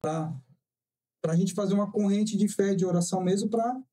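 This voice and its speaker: A husky-voiced Brazilian man hosts the interview, recorded from off the mic. He asks long, wandering questions and keeps up a stream of short replies. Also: high-pitched, moderate pace, mellow, far from the mic. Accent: Brazilian Portuguese. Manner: rambling questions, frequent back-channel replies. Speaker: podcast host.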